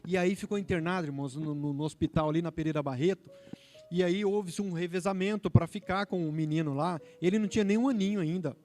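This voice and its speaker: A man's voice: high-pitched, fast talker, mellow, soft background music. A man in his fifties with a Brazilian Portuguese accent, preaching a fervent sermon that builds to emphatic peaks.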